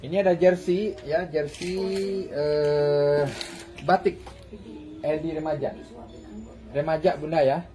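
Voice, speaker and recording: A man's voice: on the high side, fairly even intonation, slow, pauses often, mellow. A man in his thirties selling clothes on a live stream with repetitive, hawker-like calls, recorded on a phone in a shop. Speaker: live online clothing seller. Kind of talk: live sales pitch.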